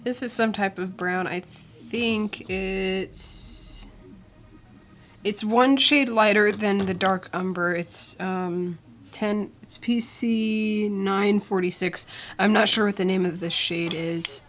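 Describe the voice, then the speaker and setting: Seated at a drawing desk indoors, a young female art tutorial host talks slowly in a mid-range voice. Her casual, chatty delivery is packed with ums and uhs, and a recent cold has left her voice weak.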